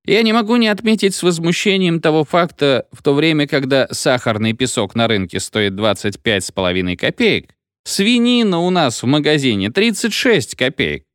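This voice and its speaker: A man's voice: mid-range voice, expressive, a little fast, few pauses, no room sound, clean studio sound, natural voice. A man doing a droning, flustered meeting speaker. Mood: desperate. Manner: mechanical droning, repeats himself.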